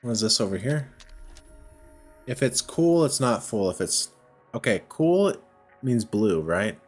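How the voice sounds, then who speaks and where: With faint music playing, a man of medium pitch talks in an unhurried, sing-song manner. As host of a video game playthrough, he muses aloud over a puzzle game, tentative and self-questioning in his casual commentary.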